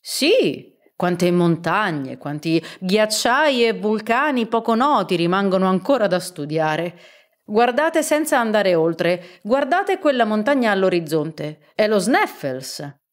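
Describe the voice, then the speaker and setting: A woman's voice: medium pitch, big pitch swings, slow, voice pushed up. A woman voicing a courteous, learned male professor in a storybook reading, explaining politely.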